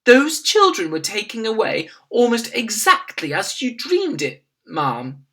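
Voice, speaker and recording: A woman's voice: on the high side, wildly swooping pitch, unhurried, fairly bright tone, pitched above the performer's own voice, exaggerated voice. A woman voicing a fussy, plain-spoken middle-aged maid who speaks in a deferential, flustered, homely way. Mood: anxious.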